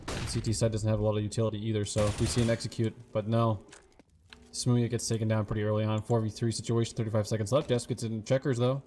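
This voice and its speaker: A man's voice: on the low side, little pitch movement, quick pace, dark tone, a little hiss or hum. A man giving chatty color commentary on an esports match, laughing and making confident predictions. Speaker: esports analyst caster.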